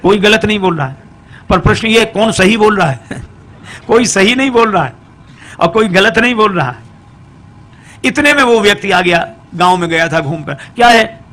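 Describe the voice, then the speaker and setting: A man preaching a humorous Hindi story sermon, singing slow verses and then telling the tale in a lively storytelling way. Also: high voice. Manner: alternates slow sung verses with lively storytelling, voicing characters briefly.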